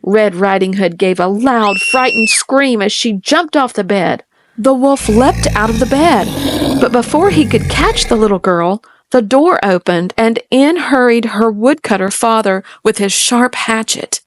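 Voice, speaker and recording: A woman reading a fairy tale aloud in a gentle, measured storytelling manner. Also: fairly high pitch, lively intonation, background noise. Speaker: storybook reader.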